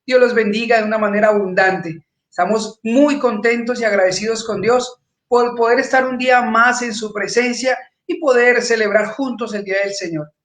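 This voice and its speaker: A high-pitched man delivers a church sermon in an earnest, steady manner. His voice rings out in a roomy, echoing space. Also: normal speed. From Peru. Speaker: pastor. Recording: echoey room.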